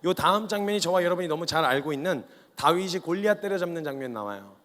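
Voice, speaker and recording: Casting: a high-voiced male preacher, animated storyteller, recorded in a large hall with long reverb. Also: fast. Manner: animated storytelling, colloquial, acts out dialogue. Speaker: missionary preacher at a youth camp. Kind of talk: lively revival sermon.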